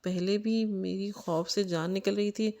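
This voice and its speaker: A woman's voice: mid-range voice, steady tone, vocal fry, darkish tone. Earnest woman reading a love story. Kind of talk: first-person story narration.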